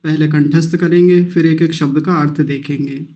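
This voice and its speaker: A man with a high voice teaches the correct pronunciation of a sacred verse. He breaks each word into syllables and repeats them slowly and patiently. The recording sounds muffled and lo-fi. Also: steady tone, mellow. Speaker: Vedic mantra teacher. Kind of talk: recitation lesson, slow syllable drills.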